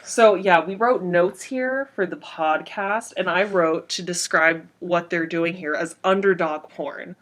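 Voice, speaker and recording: A woman's voice: fairly low pitch, unhurried, hardly any pauses. A woman co-hosting a casual comedic podcast in an irreverent, sarcastic way, speaking through a fabric face mask. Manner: irreverent, sarcastic, swears freely. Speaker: podcast co-host.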